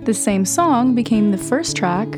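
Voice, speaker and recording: A woman's voice: a little high, expressive, unhurried. A young woman hosting a radio music show with scripted commentary, sounding congested with a sore throat and a stuffy nose.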